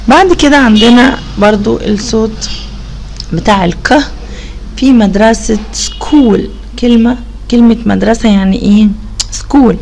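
A woman with an Egyptian Arabic accent explains an English lesson for primary pupils, patiently asking questions, praising answers and repeating English words slowly. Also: a little high, gravelly, a little mellow, a little hiss or hum. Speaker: English teacher.

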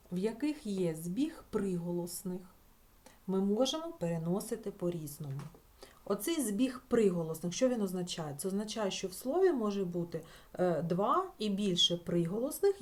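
A woman teacher gives a recorded spelling lesson for children. Her voice is mellow and relaxed, and her pitch sits in the middle. She explains patiently, stretches out example words, and keeps checking in with the class. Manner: talks the class through with filler sounds and checking "так?".

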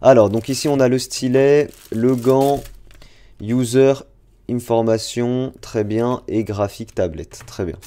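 A man's voice: mid-range voice, unhurried, warm tone. A young man, chatting casually to viewers on a live stream while unboxing. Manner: chatty, talks to chat directly. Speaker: drawing streamer.

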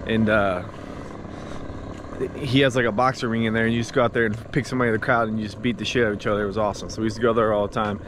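A man's voice: on the low side, level tone, rapid-fire. A young American man narrating a casual outdoor fishing vlog in a laid-back, slangy, sometimes profane way. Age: young adult. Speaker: fishing vlogger. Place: outdoors at a river and bridge. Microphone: handheld action camera at arm's length. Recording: clearly noisy outdoor action-camera audio.

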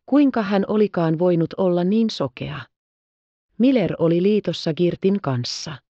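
A woman narrating an audiobook in a steady storytelling manner. The audio is slightly dull. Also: lowish voice, no echo. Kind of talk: audiobook reading.

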